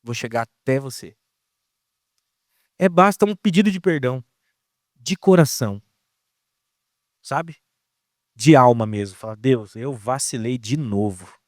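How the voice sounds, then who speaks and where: A young man with a Brazilian accent preaching a casual, slang-filled sermon in an animated way. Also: mid-range voice, no echo, studio quality. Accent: Brazilian Portuguese.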